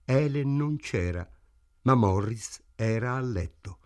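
Slow, measured male audiobook narrator. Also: mid-range voice, lively intonation, a little mellow.

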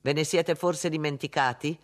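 A man's voice: a little high, fairly even intonation, normal speed, lightly acted. Man reading as a taunting, creepy phone caller. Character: menacing anonymous male caller, taunting.

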